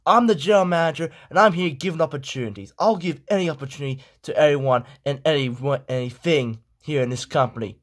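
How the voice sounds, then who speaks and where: Brash, bossy hedgehog manager, high for a man; a man voices him. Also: fairly quick, hardly any pauses, lightly acted. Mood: commanding. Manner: brash, commanding.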